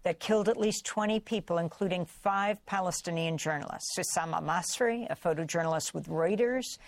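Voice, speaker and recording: A woman hosting a news program, asking measured questions and carefully reading out names and details. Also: lowish voice. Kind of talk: interview questions and intro.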